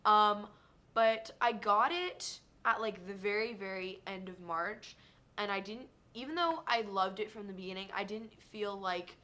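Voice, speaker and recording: A young woman chatting excitedly in a casual beauty vlog, gushing over her favorites and calling everything amazing. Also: mid-range voice. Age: young adult. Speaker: beauty vlogger.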